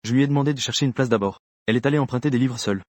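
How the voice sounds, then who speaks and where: A man narrating a first-person story for a comic dub with a rapid, even delivery. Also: mid-range voice, no echo, studio quality.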